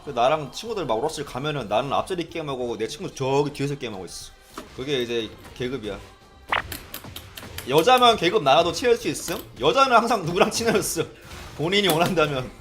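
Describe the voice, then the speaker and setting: A young Korean man tells old stories in a casual chat. His voice is a bit high and swings up and down a lot, and faint music plays under it. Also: quick pace. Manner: animated, mimics people in quoted lines, laughs often. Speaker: streamer recalling arcade days.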